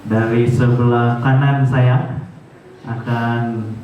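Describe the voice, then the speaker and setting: A man hosting a church program in an earnest, measured way, pressing hard on key words. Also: medium pitch, flat delivery, a little hiss or hum. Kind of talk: sermon-style exhortation. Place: church sanctuary. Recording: echoey church hall from far off, muffled.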